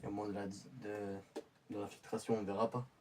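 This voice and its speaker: A man's voice: lowish voice, level tone, normal speed, darkish tone, distant mic, slight background noise, lightly acted. A man playing a young male infiltrator getting ready for a covert mission, often stammering and restarting his sentences in amateur web-drama style. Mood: muttering.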